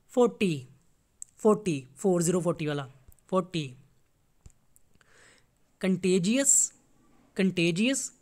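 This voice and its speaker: Guy teaching words, says each one twice, patient, really unhurried. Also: high-pitched, a little mellow. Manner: short plain explanations, patient. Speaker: IELTS teacher. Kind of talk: vocabulary lesson, mixing Hindi and English.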